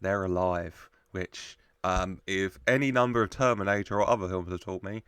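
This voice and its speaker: A man's voice: deep voice, normal speed, a bit bright, clear, resonant tone, no room sound, studio quality. A man giving casual, jokey reaction commentary as a show host. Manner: jokey, chuckles often while talking.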